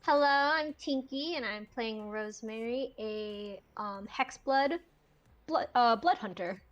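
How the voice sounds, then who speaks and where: A woman player chatting casually, telling stories in a drawn-out way. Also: fairly high pitch, highs cut off. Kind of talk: casual chat.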